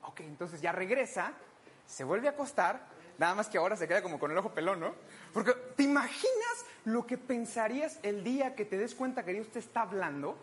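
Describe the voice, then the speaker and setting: Lively Mexican woman preaching playfully. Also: mid-range voice, brisk. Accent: Mexican Spanish. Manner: playful, jokey, acts out little scenes. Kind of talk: conversational sermon.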